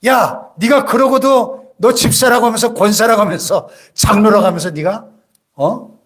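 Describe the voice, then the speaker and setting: A man's voice: sits high, normal speed, fairly bright tone, pitched above the performer's own voice. A man voicing a sneering male devil who hurls jeering rhetorical questions. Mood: taunting.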